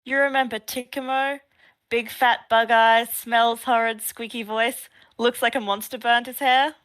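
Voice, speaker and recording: A woman's voice: on the high side, fairly even intonation, unhurried, a bit bright. A woman voicing a sultry, teasing female adventurer with a subtle twang, in a story reading. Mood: complaining.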